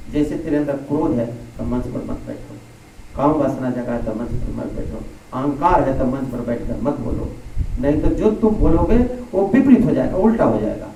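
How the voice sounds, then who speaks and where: A man's voice: on the high side, mellow, slight background noise. Echoey distant man giving a sermon. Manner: explains by plain everyday comparisons; repeats phrases for emphasis. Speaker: spiritual teacher. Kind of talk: satsang sermon. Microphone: microphone. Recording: echoey hall, speaker heard from a distance.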